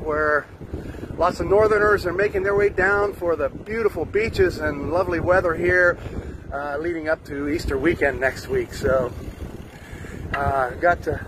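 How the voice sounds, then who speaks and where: Chatty older man on a bike ride. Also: high voice. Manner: chatty and upbeat, many "uh" fillers. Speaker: musician vlogger. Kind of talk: casual vlog update. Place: outdoors on a sunny street, riding a bike. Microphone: phone camera held close. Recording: faint wind noise outdoors.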